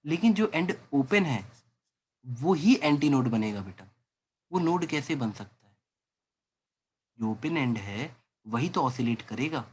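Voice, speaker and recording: Slightly slow and rough, with long pauses, this man's medium-pitched voice still carries lively intonation as he teaches physics. He gently coaxes his class, addresses the listener as "beta," and puts students' doubts into questions.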